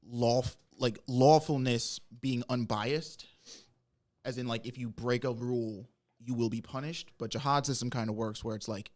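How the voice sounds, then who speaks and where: A man's voice: medium pitch, fairly even intonation, moderate pace, a little mellow. A man co-hosting a casual read-through chat, laid-back and laughing often. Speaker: co-host.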